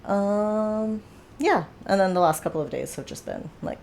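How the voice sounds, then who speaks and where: A woman's voice: mid-range voice, lively intonation, measured pace, gravelly, darkish tone, slight background noise. A woman hosting a livestream from home, chatting casually with viewers in a rambling way full of fillers and asides. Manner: rambling, filler-heavy, self-aware. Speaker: livestream host. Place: home, seated.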